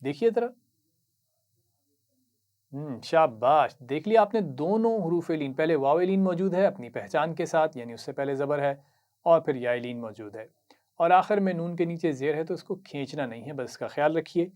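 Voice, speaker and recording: A man with an Urdu accent teaching Quran reading, patiently explaining each word, reciting it slowly and praising the learner. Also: fairly high pitch, lively intonation, darkish tone. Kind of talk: slow instructional lesson.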